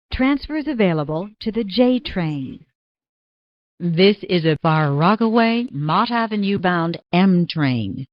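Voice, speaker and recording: A woman making formal, measured train station announcements, her recorded words spliced together one by one. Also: lowish voice. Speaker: transit announcer. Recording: dull lo-fi recording.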